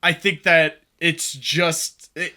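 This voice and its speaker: A man co-hosting a casual movie review podcast, excitable, swearing freely and restarting his sentences often. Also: fairly high pitch, takes it slowly. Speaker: podcast co-host.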